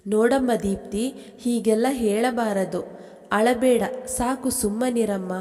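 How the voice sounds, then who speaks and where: A woman's voice: fairly high pitch, unhurried, warm tone, in a large hall, natural voice. A woman voicing a soothing older brother. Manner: soothing, pleading. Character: gentle young man, elder brother consoling sister.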